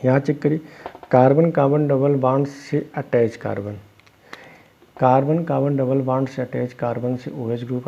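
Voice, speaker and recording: Man teaching chemistry, husky gravelly voice, quizzes students then answers himself, dull recording. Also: medium pitch, dark tone. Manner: explains step by step, asks students questions and answers them himself; calls students "beta". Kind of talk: classroom lecture.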